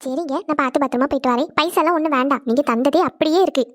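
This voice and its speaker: A woman voicing a chatty young wife in a cartoon, scolding a little and talking fast. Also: high voice, a bit bright, no echo, studio quality. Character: young wife missing her husband. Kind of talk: animated cartoon voice acting.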